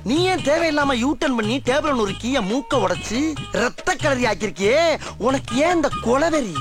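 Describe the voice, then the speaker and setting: Squeaky self-important film cop, whiny, lectures everyone, tamil accent, loud music under it. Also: male voice, expressive, moderate pace. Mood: indignant. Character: boastful cowardly middle-aged male police constable. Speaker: bumbling police head constable. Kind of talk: film comedy dialogue.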